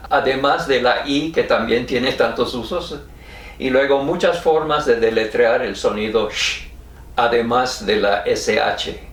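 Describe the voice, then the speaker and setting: A man with an American accent explains spelling at an unhurried pace, spelling each letter out one by one. He sits back from the mic, so his voice sounds distant, and the room around him echoes. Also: medium pitch. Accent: American English. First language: English. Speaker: teacher.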